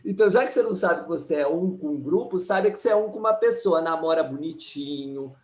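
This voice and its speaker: A man, an astrologer and numerologist, giving an animated live talk and often tagging his points with "né?". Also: on the high side, fast. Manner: animated, keeps asking "né?", acts out quotes. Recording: echoey room.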